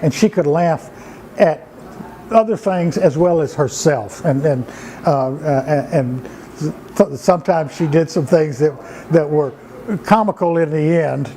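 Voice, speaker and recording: A man's voice: fairly high pitch, warm tone, slight background noise, low-quality recording. Older man telling folksy stories. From Georgia, USA. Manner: unhurried, halting with many "uh"s and restarts. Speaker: storyteller and writer. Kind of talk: folksy anecdotal storytelling.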